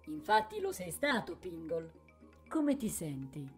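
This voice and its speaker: A woman voicing a calm, proud female commander of a warband in a fantasy audio story. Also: on the low side, unhurried, soft background music.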